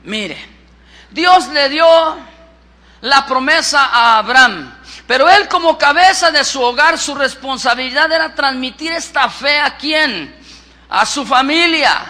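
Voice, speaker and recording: A man with a Mexican accent, a pastor preaching a lively sermon and questioning his congregation. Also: very high voice, unhurried. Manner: lively, acts out scripture, asks the congregation questions.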